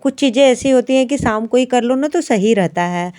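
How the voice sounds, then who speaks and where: A woman's voice: on the high side, brisk, mellow, no echo. A woman, chatting homely to viewers through her daily-routine vlog. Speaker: vlogger, housewife.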